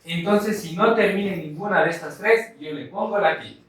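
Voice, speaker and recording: A man teaching a grammar lesson at a board, speaking slowly and deliberately and repeating the key points. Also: high-pitched, a bit bright. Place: room with a board. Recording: echoey room, mic far off.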